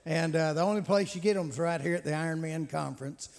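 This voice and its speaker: A man's voice: on the high side, fast talker, gravelly. A man hosting a church men's conference, talking in a folksy way with lots of "uh" fillers and repeated words. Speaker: conference host. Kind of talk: conference announcements and testimony. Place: large hall with long reverb. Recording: reverberant hall sound.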